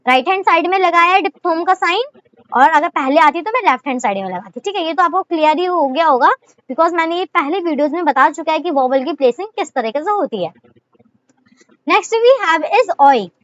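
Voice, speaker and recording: A woman's voice: very high-pitched, animated, brisk, a bit bright, muffled recording. A woman with an Indian accent teaching shorthand in a casual video lesson, explaining step by step and often asking the viewer questions she then answers herself.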